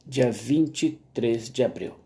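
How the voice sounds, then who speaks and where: Rambling Brazilian man, slow and halting. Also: mid-range voice, warm tone, slight background noise. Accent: Brazilian Portuguese. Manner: rambling and halting, with many restarts and tag questions. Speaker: vlogger. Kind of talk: casual monologue to camera.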